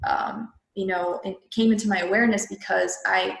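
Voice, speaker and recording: Young adult woman from Peru, interview guest, chatty with a lot of fillers, gravelly edge, mid-range pitch. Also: steady tone, moderate pace, reverberant, low-quality recording. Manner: chatty, frequent fillers like "like" and "you know". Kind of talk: casual interview talk.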